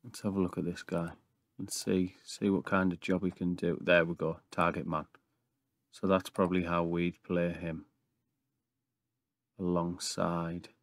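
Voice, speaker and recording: Low-voiced, even man gaming in an attic. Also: a little slow, long pauses, dry recording. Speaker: YouTube gaming host. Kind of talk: casual game commentary. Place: small brick-walled attic room.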